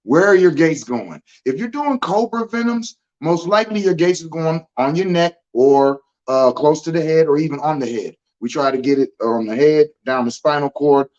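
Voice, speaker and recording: A man's voice: a little high, moderate pace, few pauses, darkish tone, highs cut off. A man, born in Germany, explaining venom medicine in a laid-back, casual livestream chat, using vivid analogies.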